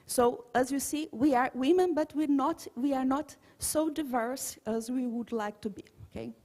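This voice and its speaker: A woman's voice: high-pitched, normal speed, a little mellow. A Brazilian woman around forty, a native Portuguese speaker, presents informally in accented English, hesitantly translating in her head and checking in with a questioning tag. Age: 30s to 40s. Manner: often ends statements with a checking "okay?". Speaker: conference presenter.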